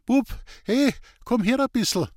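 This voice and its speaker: Male reader doing an anxious bedridden farmhand, high and pleading. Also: expressive, moderate pace, dry recording, studio quality. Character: sickly young farmhand Hans Peter, anxious.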